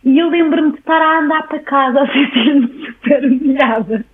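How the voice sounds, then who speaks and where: A woman with a European Portuguese accent, telling a personal story on a podcast in an expressive way and often repeating words as she searches for them. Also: high voice, normal speed. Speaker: podcast guest. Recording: tinny phone-like line.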